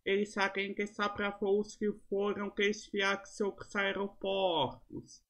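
Brazilian guy hosting a flight sim video, casual commentary, talks slowly. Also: high-pitched, monotone, a bit bright. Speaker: flight simulator video host.

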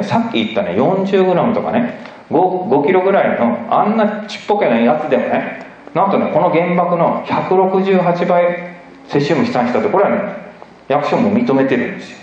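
A man giving an emphatic, animated public lecture with slides, often asking the audience questions. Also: on the high side, moderate pace. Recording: echoey hall, dull lo-fi recording.

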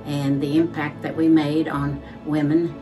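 A woman's voice: low-pitched, level tone, measured pace, distant mic, music in the background. A woman in her nineties speaking proudly and a little hesitantly of her wartime work. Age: 90s. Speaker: interviewee, former expediter. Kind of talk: personal testimony.

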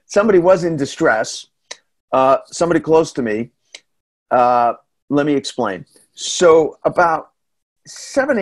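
A middle-aged man with a New England accent telling travel stories in a casual slide talk over a video call, chatty and self-deprecating with many fillers. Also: medium pitch. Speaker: tour guide and storyteller giving a slide talk. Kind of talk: casual storytelling presentation. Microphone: webcam on a video call.

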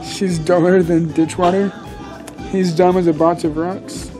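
A man's voice: sits high, level tone, measured pace. A young man bantering with a friend on a casual vlog, dry and mock-grumpy. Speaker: friend on a road trip. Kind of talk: casual chat. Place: inside a gift shop. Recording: shop music playing behind.

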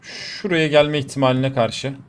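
Excitable man commentating a shooter game. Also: mid-range voice, measured pace. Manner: excitable, swears and exclaims mid-fight. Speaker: gaming YouTuber. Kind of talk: live gameplay commentary. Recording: faint game noise behind. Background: gunfire from the game.

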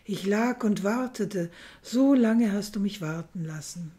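Whispered role-play, sorrowful young lover read by a woman, hushed, slow, mellow. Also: medium pitch, close to an everyday voice. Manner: soft and hushed.

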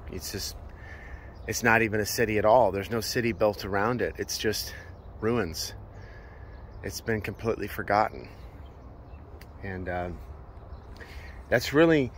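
This preacher vlogger, a man in his thirties, speaks in a lowish, slightly bright voice as he walks outdoors among ancient ruins on an open hillside. He preaches earnestly with many filler words into a phone held at arm's length, and faint hiss or hum is audible.

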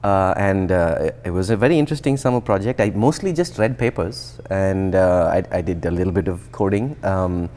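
This is a low-pitched Indian man in his thirties, a guest researcher, speaking at a moderate pace with few pauses. In a laid-back conversational interview he reflects on his journey, often starting sentences over and using fillers. The setting is a plant-filled glass atrium, recorded on a lapel mic.

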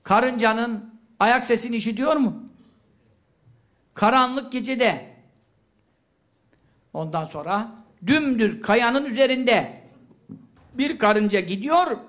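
A man giving a religious lecture, asking questions and answering them himself, with quick recited Arabic verses. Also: very high voice, animated, a bit bright. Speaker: preacher.

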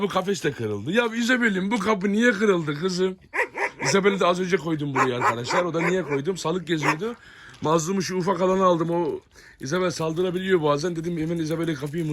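A man's voice: a little high, no room sound. A man casually chatting to viewers while walking around his outdoor dog yard and kennels. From Turkey. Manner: chatty, addresses viewers often. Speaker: dog breeder vlogger. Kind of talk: casual chat to camera.

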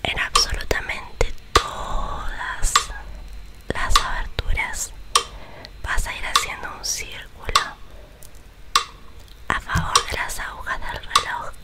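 A young woman with a Rioplatense Spanish accent whispers a guided ASMR visualization close to the microphone, giving soothing instructions with long pauses. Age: young adult. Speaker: ASMR host guiding a relaxation visualization. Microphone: close large studio microphone.

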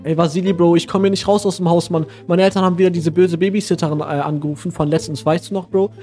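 Man, gaming host, role-play, rapid talk, whiny, complaining. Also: high-pitched, steady tone, warm tone. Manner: whiny and complaining, keeps saying "Mann" and "Bro". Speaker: gaming channel host playing his own character. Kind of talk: casual game role-play.

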